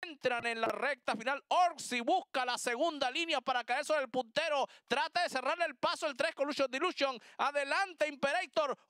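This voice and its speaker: High, sharp-voiced man commentating horse races. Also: moderate pace, hardly any pauses, dry recording, clean studio sound. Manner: excited, driving race-calling. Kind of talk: live race commentary.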